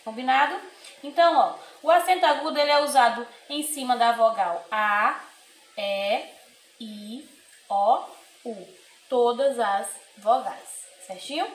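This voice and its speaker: High voiced lady teacher, slow sing-song explaining for little kids, echoey room. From Brazil. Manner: patient, sing-song, stretches out example words. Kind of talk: recorded remote lesson for young children. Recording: echoey room with faint ambience.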